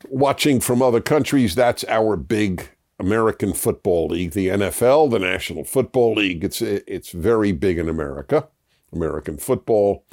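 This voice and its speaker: A man's voice: fairly low pitch, darkish tone. A man hosting a casual chat with his viewers. He often restarts and repeats words as he digresses. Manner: laughs at himself while explaining. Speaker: host.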